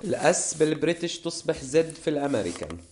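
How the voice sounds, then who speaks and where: A male English teacher with a Levantine Arabic accent, explaining vocabulary in a classroom lesson and reading word lists slowly and deliberately. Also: fairly high pitch, very animated, darkish tone, a little hiss or hum.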